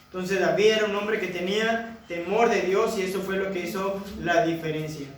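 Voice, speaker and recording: A man's voice: high voice, fairly even intonation, normal speed, slight background noise. A man preaching a sermon to a congregation, asking them rhetorical questions. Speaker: pastor. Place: church hall. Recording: echoey church hall from far off.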